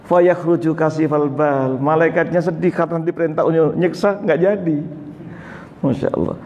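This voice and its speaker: A man's voice: a little high, normal speed. Male preacher in an echoey hall. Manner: animated storytelling, mixing recitation with translation. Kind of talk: Quran exegesis sermon. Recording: echoey hall, dull lo-fi sound.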